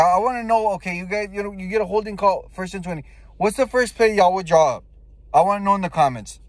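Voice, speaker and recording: A man's voice: on the high side, no room sound. A man giving casual sports fan commentary in a blunt, emphatic way, with slang and swearing. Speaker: football fan giving game reaction.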